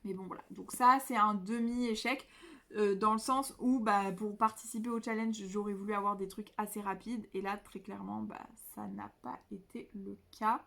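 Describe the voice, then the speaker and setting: A young woman reviews her recent reads in a casual chat, recorded indoors at home by a window. Her medium-pitched voice is steady and normal in speed, pushed and bright with vocal fry. As a book vlogger, she hesitates often, restarting and leaning on fillers.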